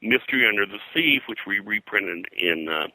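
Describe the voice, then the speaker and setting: An American pop culture historian and publisher, a guest in a conversational interview, tells detailed anecdotes in a lowish, sharply bright voice with lively intonation at a moderate pace. He rambles, piles on details and drifts into side stories. The recording is dry, close-miked and of poor quality.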